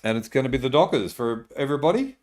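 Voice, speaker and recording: A man's voice: mid-range voice, lively intonation, fast talker, darkish tone. A man hosting a casual sports podcast, talking loosely with lots of fillers while reading out viewer tips. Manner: loose and rambling, many fillers. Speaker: podcast host.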